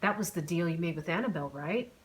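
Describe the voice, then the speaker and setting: A woman's voice: fairly low pitch, animated, quick pace, lightly acted. A woman voicing a nervous, babbling young man eagerly asking a woman out. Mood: flustered eager. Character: flustered rambling young man, eager suitor.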